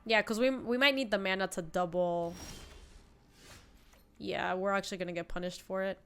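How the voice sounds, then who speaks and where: With a steady tone at normal speed, a young woman in a mid-range voice offers casual live-stream commentary, playing cards and answering chat despite a stuffy cold. She's indoors in her home streaming room, and a little hiss or hum runs under the audio.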